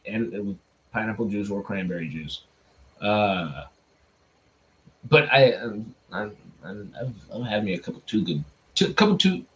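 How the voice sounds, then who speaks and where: A man with a fairly low voice hosts a casual livestream. He rambles in a halting, repetitive way and is easily amused. The sound is a little dull and lo-fi. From Texas. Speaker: livestream host.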